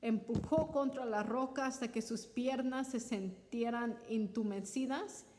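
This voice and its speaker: Slow, higher-voiced woman storyteller. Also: darkish tone. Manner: measured reading, acting out the characters' voices. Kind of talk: read-aloud storytelling. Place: library. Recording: reverberant library hall.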